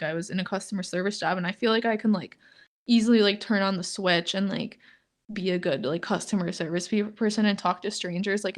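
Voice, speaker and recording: A young woman co-hosting a podcast chats casually in a flat, low-key, monotone way with a middle-pitched voice. She says "like" in almost every phrase and laughs often between thoughts.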